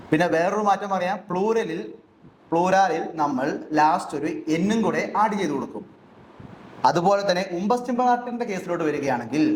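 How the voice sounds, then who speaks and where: High-voiced man teaching in an echoey room. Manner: asks questions and answers them himself, slowly and deliberately. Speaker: German language teacher. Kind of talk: explanatory lesson. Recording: echoey room with faint background noise.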